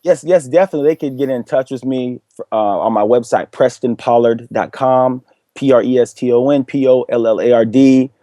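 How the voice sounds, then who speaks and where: A young man, a guest in an interview conversation, earnestly tells his story and acts out what people said to him with animation. His voice is medium-pitched and moderately paced, recorded cleanly in a studio with no room sound.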